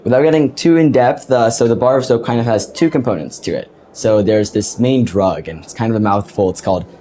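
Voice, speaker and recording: A man's voice: medium pitch, fairly quick, warm tone, slight background noise. A teenage boy being interviewed on a podcast, earnestly explaining his work and laughing easily. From United States. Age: teens. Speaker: guest inventor. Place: podcast booth at a tech event.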